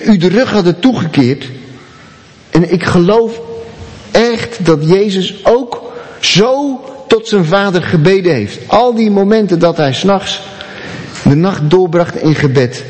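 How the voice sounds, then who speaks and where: A man's voice: high voice, lively intonation, takes it slowly, long pauses, a little mellow, big-room sound. A man preaching a sermon, telling a story and talking directly to his listeners.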